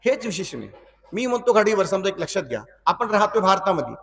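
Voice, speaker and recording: A man with a high voice preaches from a little way off the mic, so he sounds slightly distant. He tells a story to his listeners, acts out its characters' dialogue, and stops now and then to ask them a question and repeat the line. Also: big pitch swings, quick pace, creaky, fairly bright tone. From Maharashtra, India. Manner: asks the audience rhetorical questions and repeats lines. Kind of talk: storytelling sermon.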